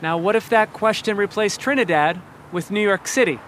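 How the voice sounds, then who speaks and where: A man asking quick, upbeat rapid-fire questions as an interviewer. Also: sits high, a bit bright, a little hiss or hum.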